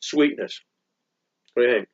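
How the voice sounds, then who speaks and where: A man's voice: moderate pace, a little mellow, lo-fi sound. A man casually chatting as co-host of a candy review, describing flavors in detail while chewing. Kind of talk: casual chat.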